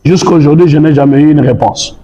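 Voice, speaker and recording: A Congolese lawyer from the DRC, a man with a rather high, mellow voice, speaks quickly while making a formal statement. He argues his case methodically, point by point, citing articles of law. The sound is lo-fi and the room echoes.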